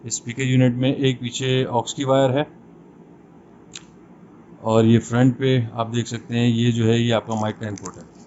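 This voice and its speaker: A man reviews and unboxes a product conversationally, explaining as he goes and mixing English terms into his speech. His mid-range, darkish voice stays level at a moderate pace with frequent pauses, and the lo-fi recording sounds dull, with faint background noise.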